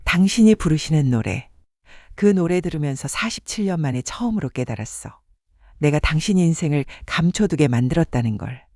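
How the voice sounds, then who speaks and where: A man's voice: fairly high pitch, animated, fairly quick, a little mellow, dry recording, clean studio sound. A man voicing a remorseful old husband. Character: remorseful elderly husband, around seventy, quiet.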